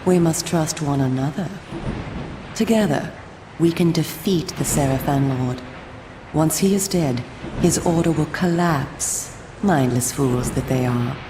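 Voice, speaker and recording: In a scripted video game cutscene, an actress plays a solemn female vampire who works for the resistance and persuades with cool calm. Her low voice is formal, measured and theatrical, recorded in an echoey room with background noise.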